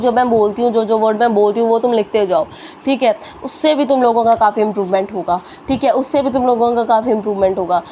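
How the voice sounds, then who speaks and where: A woman's voice: a little high, slight background noise. A woman teacher giving a vocabulary lesson, repeating words over and over and mixing Hindi with English.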